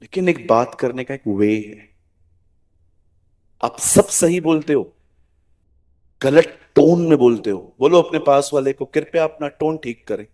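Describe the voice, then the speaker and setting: A young man preaching, acting out everyday quarrels by switching between gentle and scolding voices. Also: medium pitch, expressive, takes it slowly, pauses often. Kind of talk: lively sermon with acted examples.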